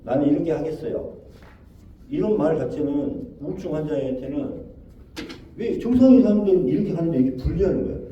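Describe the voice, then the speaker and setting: A man delivers a lecture on overcoming depression, tossing rhetorical questions to his listeners and acting out the phrases he quotes. His voice sits a little high and swings widely in pitch. The recording sounds distant and echoey, dull and slightly noisy. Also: animated, fast talker. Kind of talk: spoken lecture.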